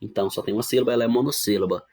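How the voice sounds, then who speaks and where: A man's voice: medium pitch, racing, warm tone. A man with a Brazilian Portuguese accent teaching an online grammar lesson, patiently explaining step by step and often checking that students follow. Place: home recording for online class.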